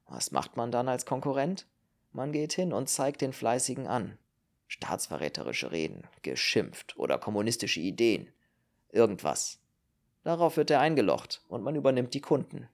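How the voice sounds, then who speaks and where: A man's voice: medium pitch, sing-song, moderate pace, creaky. A man voicing a world-weary, cynical male politician with dry, sardonic remarks in an audiobook. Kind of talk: audiobook character reading.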